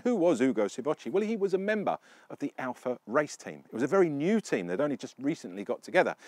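A man's voice: medium pitch, no echo. A man presenting a casual car review walkaround outdoors beside a car, chatty and storytelling, often asking the viewer questions.

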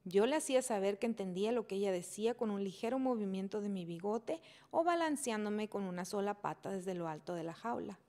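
A woman reading a children's chapter book aloud in a gentle, steady storytelling manner. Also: medium pitch, brisk, hardly any pauses. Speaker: reader.

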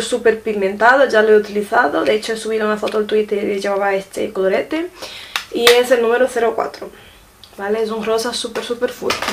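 A woman casually reviewing makeup gifts, showing each item to the camera and often checking in with her viewers. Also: a little high. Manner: chatty, often checks in with a quick question tag; shows items to the camera while talking. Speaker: beauty vlogger.

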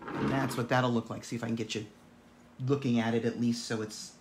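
A man with a gravelly voice, chatting and counting aloud as he demonstrates a painting craft. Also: mid-range voice, level tone, fairly quick, noisy background. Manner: chatty, counts dots aloud while working. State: gravelly voice today. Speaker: craft instructor.

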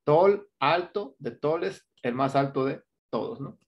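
A man's voice: fairly high pitch, expressive, unhurried, muffled recording. A man with a Mexican Spanish accent teaching an English grammar class online, explaining step by step and often checking with "¿no?". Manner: explains step by step, keeps asking "¿no?".

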